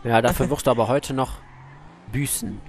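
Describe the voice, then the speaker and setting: A man's voice: mid-range voice, steady tone, normal speed, vocal fry, loud music behind the voice. A man hosting a let's play, chatting casually over a headset and teasing his friends. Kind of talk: casual gaming voice chat.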